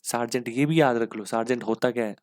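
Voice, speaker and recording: A man teaching English for an exam in a mix, explaining step by step with rhetorical questions and spelling words out slowly. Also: medium pitch, darkish tone. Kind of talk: exam-prep lesson in Hindi-English mix.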